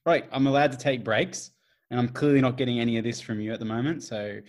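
A defensive husband in his mid-forties talks back in an even, mid-pitched voice, as a man acts him out in an improvised comedy bit. When he plays the hotline caller, he turns fussy and officious. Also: fast, close to an everyday voice. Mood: irritated.

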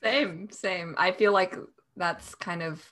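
Low-voiced woman interviewer. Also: slow pace, a bit bright. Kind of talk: casual interview chat.

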